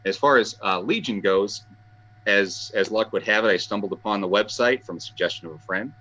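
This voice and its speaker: A man, talking eagerly and a bit haltingly as an interview guest, often repeating words as he starts a sentence. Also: lowish voice, bright, forceful tone, muffled recording. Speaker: guest, fan site writer. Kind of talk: casual interview talk.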